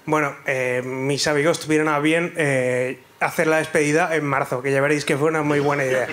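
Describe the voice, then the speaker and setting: A man's voice: a little high, steady tone, a little fast, fairly bright tone. A man from Spain, a guest on stage, answering questions with many hesitations into a handheld mic. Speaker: audience guest, doctor. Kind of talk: onstage interview. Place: theater stage.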